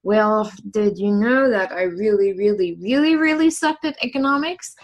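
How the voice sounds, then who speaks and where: Lady guest chatting away, lively storyteller, laughs a lot, remote call. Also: medium pitch, moderate pace. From Germany. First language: German. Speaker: guest coach. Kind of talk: casual interview chat.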